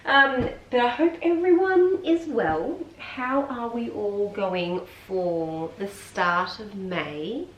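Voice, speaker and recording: An Australian woman chatting casually with viewers while folding laundry at home, rambling with lots of ums and sounding a little hoarse and tired. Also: medium pitch, slow, few pauses, lo-fi sound. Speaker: vlogger. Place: room at home. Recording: echoey room with faint ambient noise.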